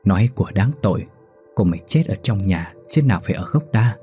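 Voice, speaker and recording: A man voicing an anxious, superstitious old village man who speaks in a shaky, hushed way. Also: sits low, lively intonation, fast, soft background music. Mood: fearful.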